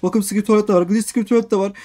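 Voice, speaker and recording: A man giving excited let's-play commentary on a game, repeating phrases in quick bursts and constantly addressing his viewers. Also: high voice. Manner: excitable, keeps calling viewers "abicim" and "arkadaşlar". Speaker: gaming YouTuber.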